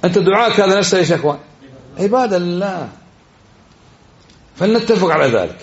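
A man's voice: sits high, sing-song, quick pace, dull audio. A man giving a religious lesson, exhorting his listeners and often asking them questions. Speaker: religious teacher.

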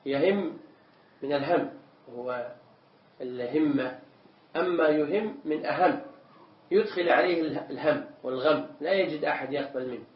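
Sheikh teaching religious texts, fairly high voice, recorded from a distance in an echoey room. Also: male voice. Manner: measured, repeats words while explaining. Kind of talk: explaining religious texts in a lesson. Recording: echoey room, distant mic, dull sound.

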